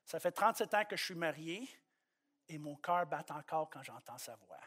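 A middle-aged man preaching a sermon as pastor, swinging from loud emphatic declarations to quiet joking asides. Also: on the high side, expressive, normal speed.

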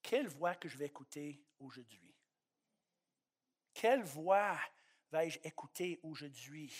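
A middle-aged man preaching a sermon as pastor, swinging from loud emphatic declarations to quiet joking asides. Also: high voice.

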